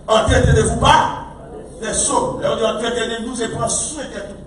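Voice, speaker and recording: A man's voice: very high voice, fairly even intonation, normal speed. A man with a Haitian French accent preaching a sermon, emphatic and repetitive, calling out to the congregation. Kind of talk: sermon teaching. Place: church hall. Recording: echoey hall, mic far off, faint noise.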